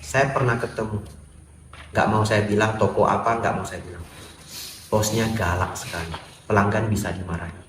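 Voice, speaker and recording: A man, a Buddhist monk, gives a lively sermon full of humor and rhetorical questions in a temple hall. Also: fairly low pitch, normal speed, pauses often, slight background noise. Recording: echoey hall, far from the mic.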